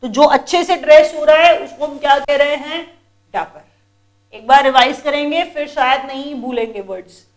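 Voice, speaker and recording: Speaking at a normal pace in a high voice, a woman teacher takes her students, whom she calls children, through exam-prep vocabulary. Her method is patient and repetitive, drilling each word repeatedly.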